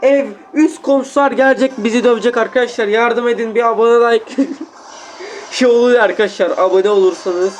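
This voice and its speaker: A man with a sore throat giving excited gameplay commentary at home, exclaiming and talking straight to his viewers. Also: extremely high pitch, brisk. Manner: animated, exclaiming, keeps addressing viewers as friends. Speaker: gaming YouTuber.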